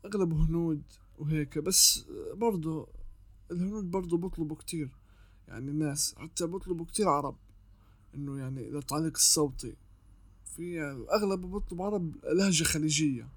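A man's voice: a little high, no echo. A man, an artist giving casual advice on freelancing, explaining step by step and often restarting his sentences.

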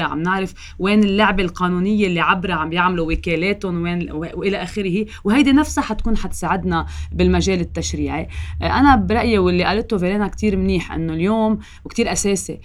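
A woman with a Levantine Lebanese Arabic accent answers interview questions in an emphatic, colloquial way, building on repeated phrases. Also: fairly low pitch. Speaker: political candidate, lawyer and investigative journalist.

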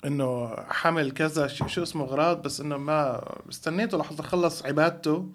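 This podcast co-host has a Levantine Arabic accent and a fairly high, fairly quick voice. He chats casually and bluntly, sharing opinions and telling stories in an animated way while mixing in some English.

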